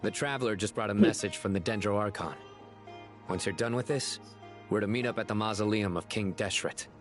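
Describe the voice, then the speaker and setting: An actor playing a stern, composed law-enforcement commander in a video game, speaking in a clipped, authoritative way. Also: male voice, lowish voice, a little fast, lightly acted. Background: loud music.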